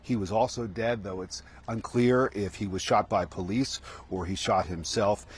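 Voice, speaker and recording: A man reporting live news from the field, ad-libbing with halting pauses mid-sentence. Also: on the low side, fairly even intonation, slightly rough. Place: outdoors at the scene. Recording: outdoor street and traffic noise.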